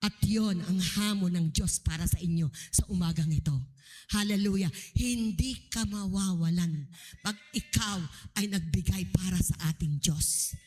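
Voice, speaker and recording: A woman's voice: on the low side, unhurried, big-room sound. A woman pastor, preaching a sermon and acting out the people in the story. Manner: animated, acting out voices in quotes.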